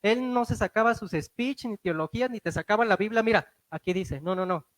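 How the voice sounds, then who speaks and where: A man with a Mexican accent preaching a sermon, animated, slowing and rising for emphasis, asking the congregation rhetorical questions. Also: high voice, no echo.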